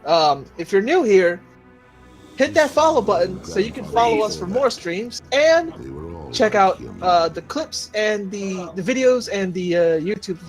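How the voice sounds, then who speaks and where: A man with a high voice hosts a gaming stream in casual, jokey chat. Game music plays faintly behind him. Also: expressive, unhurried. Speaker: live stream host.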